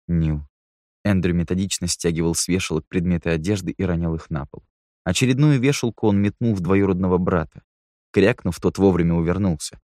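Deep-voiced male audiobook narrator. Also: darkish tone, no echo, clean studio sound.

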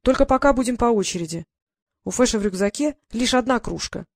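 Lively bossy fairy girl, read by a woman, raised pitch, storybook. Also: brisk, no room sound. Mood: bright.

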